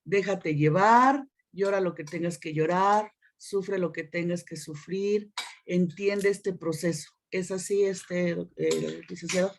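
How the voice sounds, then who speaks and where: Slow, hesitant woman interviewer. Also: fairly low pitch, slight background noise. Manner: slow, hesitant, many fillers. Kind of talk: interview questions.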